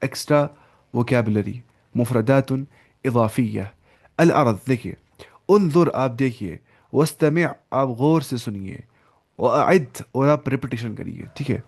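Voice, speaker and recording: Patient man teaching an online class over a video call, slow repetition, mid-pitched voice. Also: lively intonation, a little mellow. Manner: patient, repeats each word slowly for the student. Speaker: Arabic teacher.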